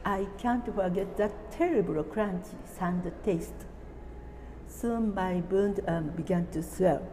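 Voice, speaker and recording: A Japanese-speaking woman in her eighties, a survivor of the atomic bombing, sits at a table indoors reading her prepared testimony from notes. Her low, mellow voice moves slowly, carefully, and deliberately. The room is reverberant, with a little hiss or hum in the background.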